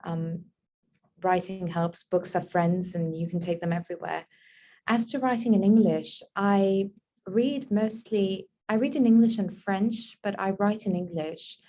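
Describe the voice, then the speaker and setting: A woman from Lebanon, an author, answering reader questions in a book club interview over a video call. She talks in a reflective, musing way with soft fillers and breaks into moments of wonder. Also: mid-range voice, unhurried. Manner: bursts of wonder and excitement.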